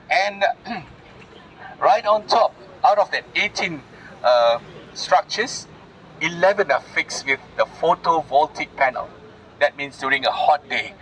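At night in a public garden, a man leads a walking tour, explaining things to his group and frequently checking in with short tag questions like "yeah?" and "all right?" His voice is a little high with a fairly bright tone. It's a noisy outdoor phone recording.

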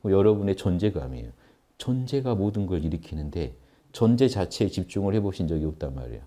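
A man's voice: low voice, very animated, quick pace, mellow. A man giving an earnest spiritual lecture on meditation, explaining and addressing his audience directly. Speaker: meditation teacher.

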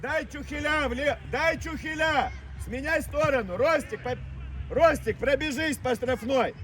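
A man coaching a youth football team, shouting instructions and encouragement to players during a match on an outdoor pitch. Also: measured pace. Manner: loud, urgent, encouraging shouts. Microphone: far camera. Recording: distant mic, crowd and noise behind.

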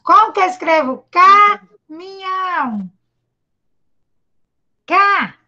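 A Brazilian woman teaching a child to read over a video call, patient and encouraging, sounding out syllables slowly. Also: sits high, animated, sharp tone. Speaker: primary school teacher. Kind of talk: online literacy lesson for a child. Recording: dull lo-fi video call audio.

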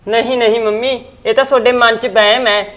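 A woman's voice: a little high, fairly even intonation, fairly quick, close to an everyday voice. A young woman playing a daughter-in-law who speaks in a soothing, pleading way, with a rural Punjabi accent.

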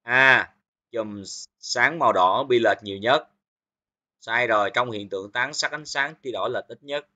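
A physics teacher with a bright, forceful, mid-range voice goes through an exam review at an unhurried pace. He explains each answer step by step and keeps checking whether his students follow.

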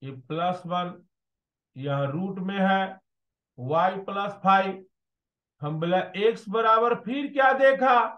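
A man teaching maths in an animated, storytelling way, at times raising his voice. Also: high-pitched, takes it slowly, pauses often, muffled recording. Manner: animated, storytelling, bursts of shouting. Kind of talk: animated classroom lesson with anecdotes.

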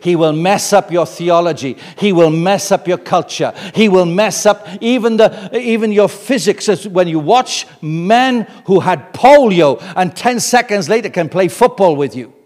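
Preacher in a reverberant church. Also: male voice, sits high, a little slow, hardly any pauses. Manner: swings from loud urgent emphasis to hushed intimate tones. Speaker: guest preacher. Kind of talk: sermon.

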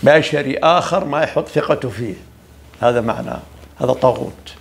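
A man giving an informal religious talk, preachy and lively, often acting out the voices of people he quotes. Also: mid-range voice, a little fast, creaky. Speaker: religious speaker.

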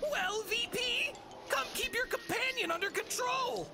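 A woman's voice: very high-pitched, a little slow, over loud music. A woman voicing a smug, mischievous stuffed rabbit creature in an anime video game, theatrical and teasing. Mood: flustered, placating. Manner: theatrical, teasing, riddling rhymes.

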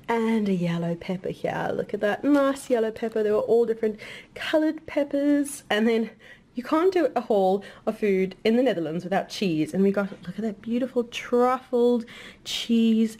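A woman's voice: fairly high pitch, a little mellow. A middle-aged woman vlogger chatting enthusiastically as she shows off her food finds. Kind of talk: casual vlog narration. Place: hotel room.

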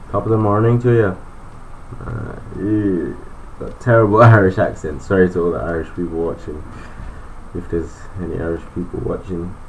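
A man talks through a video game in a loose, joking way, thinking out loud. His voice sits fairly low. Faint noise runs in the background. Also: low-quality recording. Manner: chatty, joking, thinks aloud. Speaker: gaming YouTuber. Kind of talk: casual gameplay commentary.

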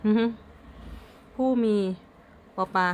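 A woman's voice: slow, a little hiss or hum. A woman patiently coaching a child through reading aloud, correcting pronunciation and giving praise.

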